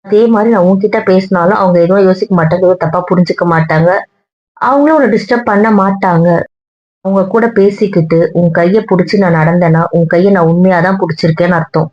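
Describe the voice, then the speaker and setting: A woman's voice: lowish voice, fast. Weary, hurt woman in a couple's quarrel. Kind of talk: couple's argument vlog. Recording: dull lo-fi sound.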